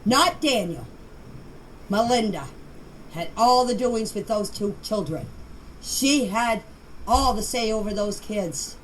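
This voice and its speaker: Speaking at medium pitch in an animated way, a middle-aged or older woman shares unscripted voice messages with a group chat. She sounds defensive and insistent, stumbling over words and names and repeating herself, in a noisy amateur recording.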